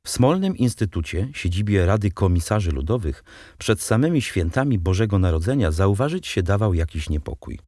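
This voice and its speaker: A man narrating an audiobook chapter in a measured, steady storytelling voice. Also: low-pitched, dry recording, clean studio sound.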